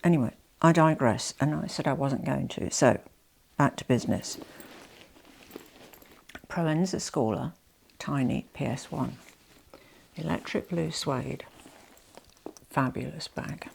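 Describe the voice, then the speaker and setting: A rumbling low, creaky voice belongs to a woman showing her handbag collection on a vlog, speaking unhurriedly with long pauses against slight background noise. A head cold leaves her nasal. She tends to ramble, tossing in "you know" asides and slipping into soft near-whispers.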